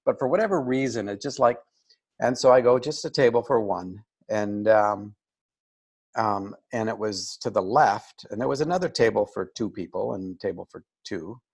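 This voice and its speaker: A man's voice: fairly low pitch, normal speed, vocal fry, breathy edge. An older man, a guest on a video call, telling a story casually and acting out the voices of people he quotes. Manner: animated, acts out quoted voices. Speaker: interview guest.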